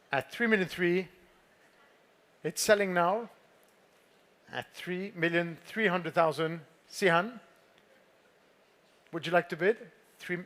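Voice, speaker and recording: A man's voice: sits high, fairly bright tone. A man working as a fine art auctioneer, calling and repeating bids in a poised, formal manner with polite prompts to bidders. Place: auction saleroom with bidders present.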